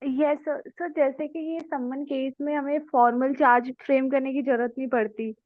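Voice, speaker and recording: A woman's voice: sits high, fairly even intonation, normal speed, dry recording. A woman student asking her teacher hesitant questions, with many fillers. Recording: tinny phone-like line.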